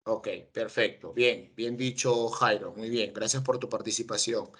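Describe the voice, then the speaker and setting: A man's voice: fairly low pitch, steady tone, measured pace, a bit bright, husky. A man teaching an online class over a video call, patiently checking that his students understand.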